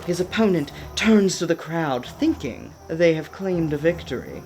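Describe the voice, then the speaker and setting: A woman reads scripted narration for a radio play, describing the action with music playing behind her. Her voice is low-pitched and a little mellow, unhurried yet lively in intonation.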